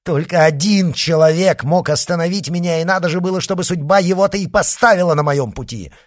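Man voicing a young Gascon swordsman, fiery, exclaiming, raised pitch, dry sound. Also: a little fast, dry recording, natural voice. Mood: despairing. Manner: impassioned, exclaiming. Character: hot-tempered young male Gascon swordsman.

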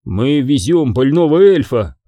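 A man's voice: medium pitch, very animated, unhurried, dark tone, dry recording, dull audio. A male audiobook reader voicing a stern elderly man who speaks urgently and angrily. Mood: urgent, angry. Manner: stern, angry.

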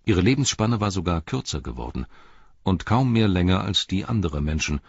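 A man narrating a story in calm, even storytelling. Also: low voice, brisk, gravelly, breathy edge, dry recording, highs cut off. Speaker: audiobook narrator. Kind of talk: scripted narration.

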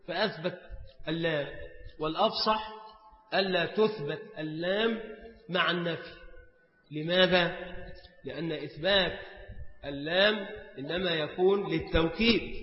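A man with an Egyptian Arabic accent teaching a religious lesson, explaining grammar step by step, repeating key phrases, asking rhetorical questions and reciting verses slowly. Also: fairly high pitch. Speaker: Islamic scholar teaching creed. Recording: dull, echoey hall recording.

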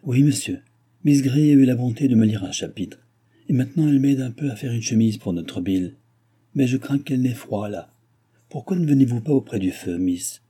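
A man's voice: medium pitch, lively intonation, normal speed, mellow, breathy edge, voice pushed up. A man reading an audiobook, voicing a talkative, grateful old cottager woman with an effusive, pleading manner. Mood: fussing.

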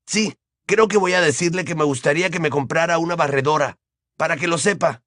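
A man's voice: fairly high pitch, fairly quick, a bit bright, no room sound, clean studio sound, voice pushed up, close to an everyday voice. A man voicing a touchy, earnest teenage boy wizard who talks in a slightly raised, youthful voice. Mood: grumbling.

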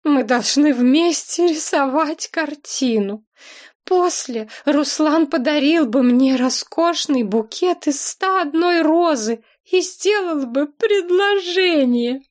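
A woman reads a story aloud in a fairly high voice, with lively expression. Her delivery is steady scripted narration. She sounds like an audiobook reader.

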